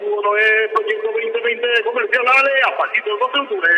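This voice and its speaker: A man's voice: sits high, fairly even intonation, moderate pace, long reverb tail, dull audio, slight background noise. A Paraguayan man working as radio football co-commentator, giving match analysis and sponsor announcements.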